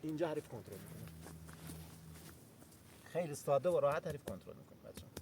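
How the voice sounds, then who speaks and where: A man's voice: on the high side, a little hiss or hum. A man teaching a self-defense lesson, counting out each step as he demonstrates and calling out to his viewers. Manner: energetic, counts out steps as he demonstrates; chatty, keeps calling out to viewers. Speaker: martial arts instructor.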